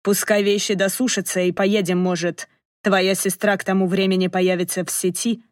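An intense young man, hoarse and hushed, pleading slowly and softly, as a woman narrator puts him on. It is an audiobook reading in a dry, close space with no room echo. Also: mid-range voice, little pitch movement, lightly acted. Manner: slow, soft, pleading.

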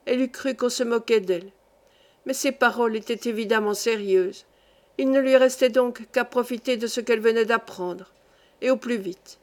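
A woman reading a classic novel aloud as an audiobook, in a steady, measured manner. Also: a little high. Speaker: audiobook reader. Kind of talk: literary audiobook narration.

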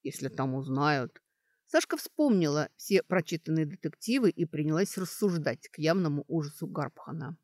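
A woman narrating an audiobook in an expressive storytelling manner. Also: sits low, moderate pace, few pauses, no room sound, clean studio sound. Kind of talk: scripted narration.

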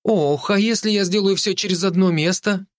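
A man's voice: high voice, normal speed, dry recording, clean studio sound, voice pushed up, natural voice. A man voicing an eager, playful young woman in an audiobook.

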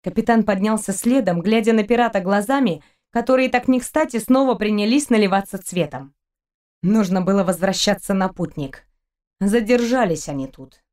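Audiobook narration: woman reader, steady storytelling. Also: mid-range voice, normal speed. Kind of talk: scripted narration.

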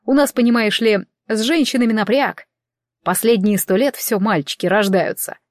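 A fussy, excitable male elf priest who lectures and exclaims in a lifted, loud voice, as a woman reads him in an audiobook. The sound is close and dry, with no room around it. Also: mid-range voice, normal speed, no room sound, close to an everyday voice. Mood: lecturing. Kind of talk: audiobook character reading.

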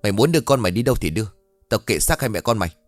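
A man voicing a domineering middle-aged mother who scolds fast and sharply, in a story reading. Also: on the low side, sing-song, no echo, faint music behind. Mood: harsh.

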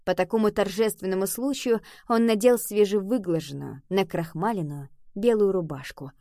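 Woman, audiobook narrator, expressive, dry close recording. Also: normal speed, no echo. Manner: expressive, lifting pitch for dialogue.

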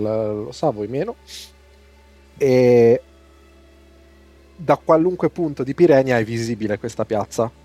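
A man narrating as game master in a tabletop role-playing session, explaining rules and scenes in a relaxed way. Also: mid-range voice.

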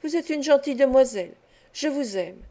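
A woman reading an audiobook, voicing an eccentric old gentleman who speaks softly and bluntly. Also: high-pitched, animated, brisk. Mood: hushed.

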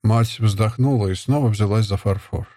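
A man narrating an audiobook in a measured, even way. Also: fairly low pitch, no room sound, studio quality.

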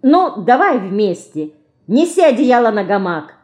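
A woman reading an audiobook, voicing a lively, stubborn little girl who pleads and bosses. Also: a little high, unhurried, pitched above the performer's own voice. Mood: eager. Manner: eager, pleading, bossy.

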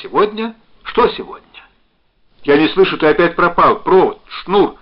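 A man's voice: high-pitched, sing-song, extremely slow, voice pushed up, heavily acted. A man reading aloud and voicing a frightened, tearful woman who cries out and pleads over a bad phone line. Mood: pleading. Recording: dull lo-fi recording.

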